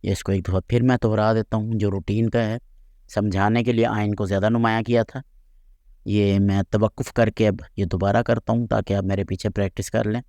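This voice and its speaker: A man's voice: on the low side, little pitch movement, darkish tone, dry recording. A man teaching Quran recitation rules, patiently explaining and repeating sounds aloud to demonstrate them.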